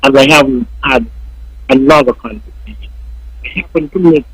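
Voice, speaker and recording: On a phone call to a radio talk show, a caller from Saint Kitts keeps a formal manner and keeps saying Mister to the host. His voice is medium-pitched and fairly bright, at a moderate pace. The telephone recording is dry and husky.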